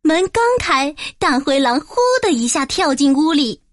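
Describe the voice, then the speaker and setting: A woman narrating a children's fairy tale in a clear, measured storytelling manner. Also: sits high, no room sound, clean studio sound.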